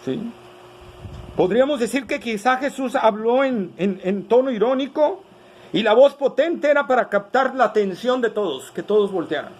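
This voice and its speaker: Pastor, male, high-pitched, rhetorical sermon delivery with tag questions. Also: expressive, moderate pace, darkish tone, low-quality recording.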